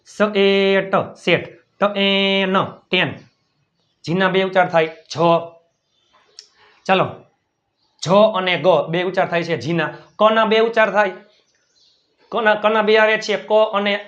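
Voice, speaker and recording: A man's voice: high-pitched, a bit bright, highs cut off. A man teaching a beginners' English lesson, spelling words letter by letter, repeating each word and often checking "right?".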